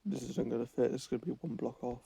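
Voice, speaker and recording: A gaming channel host with a cold talks quickly and steadily in a husky, dark, medium-pitched voice with vocal fry, his voice fading. He rambles through gameplay, thinking aloud and correcting himself, recorded with no echo.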